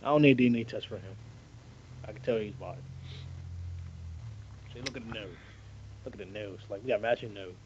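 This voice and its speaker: A man's voice: lowish voice, a little fast, pauses often, darkish tone, lo-fi sound, slight background noise. A man co-hosting a casual podcast chat, joking and teasing. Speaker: podcast co-host.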